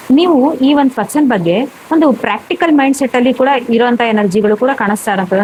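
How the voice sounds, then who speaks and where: A woman's voice: a little high, darkish tone, slight background noise, rough recording. A woman giving a tarot reading to camera, rambling and repetitive, full of fillers and restarts. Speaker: tarot reader.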